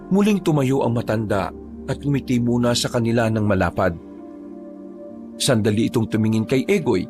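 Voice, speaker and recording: A male storyteller narrating a horror tale in a steady, measured way. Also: mid-range voice, music in the background.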